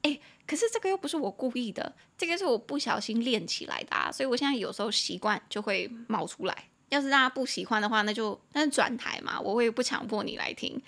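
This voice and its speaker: A woman hosts a casual English lesson podcast, her voice bright and a little high. She spells words out letter by letter and repeats them, with chatty asides in between. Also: lively intonation, fast talker, gravelly, few pauses. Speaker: English teacher podcast host.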